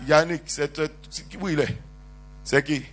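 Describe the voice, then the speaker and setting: A man preaching a sermon as bishop, calling on the congregation to answer amen, teasing them with jokes and rising to loud prophetic declarations. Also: fairly high pitch, moderate pace. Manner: animated preaching with call-and-response.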